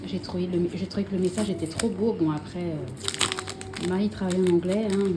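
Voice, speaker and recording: A woman's voice: on the low side, fairly quick, heavy background noise. A woman chatting casually to camera as a vlogger, showing her purchases at home, full of fillers and self-corrections.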